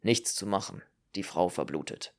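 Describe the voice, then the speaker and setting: A man reading a gruff, growling doctor. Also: mid-range voice, moderate pace, a little mellow, lightly acted. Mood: grim. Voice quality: growling, curt. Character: gruff, exhausted male doctor. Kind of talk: audiobook character reading.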